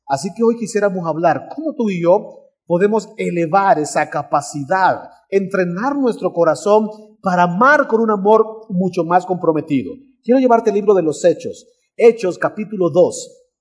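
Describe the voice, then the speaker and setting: A man preaching a sermon as pastor, animated and telling a story with acted-out voices. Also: high voice, slightly rough. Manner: animated, acts out voices in anecdotes, shouts at times.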